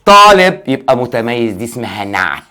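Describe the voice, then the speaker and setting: A man's voice: medium pitch, big pitch swings, a little fast, bright, forceful tone, smooth. A male Arabic grammar teacher with an Egyptian accent gives a classroom lesson, quizzing aloud and answering his own questions, often stretching out key words for emphasis.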